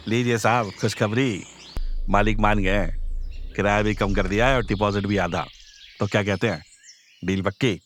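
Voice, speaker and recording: A man's voice: fairly low pitch, fairly even intonation, normal speed, long pauses, fairly bright tone, slight background noise, natural voice. A man voicing an eager, fawning property broker in a horror audio drama. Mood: salesy. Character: pushy smooth-talking male property broker.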